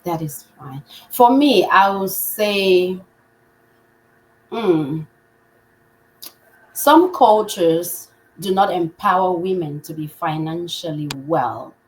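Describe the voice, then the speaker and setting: A woman's voice: lowish voice, slow pace, pauses often, slight background noise, rough recording. A woman hosting a live podcast, upbeat and welcoming, now and then restarting her words. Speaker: podcast host.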